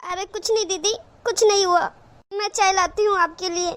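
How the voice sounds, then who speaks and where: A woman voicing a sad, polite young sister-in-law in a cartoon, soft and subdued in a very high voice. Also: steady tone, moderate pace. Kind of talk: cartoon voice acting.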